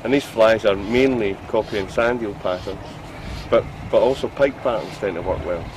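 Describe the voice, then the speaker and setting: A man's voice: fairly low pitch, normal speed. A middle-aged man, an angler explaining his fly fishing gear to the camera, keen and stumbling over repeated words. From Scotland. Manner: enthusiastic, repeats and restarts words. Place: small open boat at sea outdoors. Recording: outdoor boat with sea noise. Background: wind, water and boat noise.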